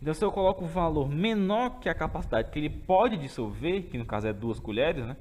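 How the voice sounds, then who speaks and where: A man's voice: fairly high pitch, animated, fairly quick, darkish tone, in a large hall. A man teaching a remote chemistry lesson with a Brazilian Portuguese accent. He explains step by step and often checks in with his students. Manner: explains step by step, keeps asking "tá certo?".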